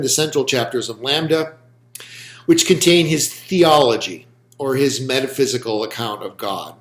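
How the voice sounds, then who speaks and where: A man lectures on philosophy for a recorded class, dictating points slowly and repeating them so listeners can write them down. His voice sits at a middle pitch, and he fills the pauses with ums. The recording carries a noticeable roomy echo. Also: fairly bright tone. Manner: slow, deliberate dictation with frequent ums. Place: room with a whiteboard.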